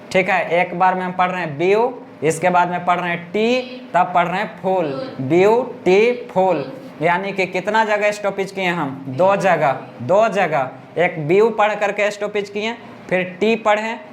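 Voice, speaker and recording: A male teacher, teaching grammar in class, repeating words slowly and often asking his students whether they understood. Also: high-pitched, slight background noise.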